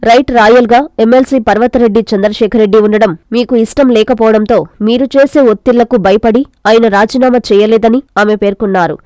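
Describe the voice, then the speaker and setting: Brisk woman reading the news. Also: fairly high pitch, a little mellow, dry recording, rough recording. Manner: brisk, formal. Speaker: news anchor.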